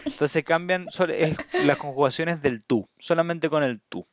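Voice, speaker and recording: A man's voice: fairly high pitch, normal speed, dry recording, studio quality. A man from Chile with a Chilean Spanish accent, a teacher explaining his country's slang in a casual interview chat. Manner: explanatory, demonstrates slang with animated asides.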